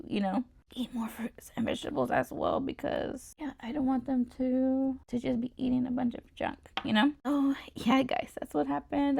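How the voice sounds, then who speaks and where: Chatty woman with heavy vocal fry. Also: a little high. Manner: rambling and animated, full of "like" and "you know". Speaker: beauty vlogger. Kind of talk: chatty get-ready-with-me vlog. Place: home.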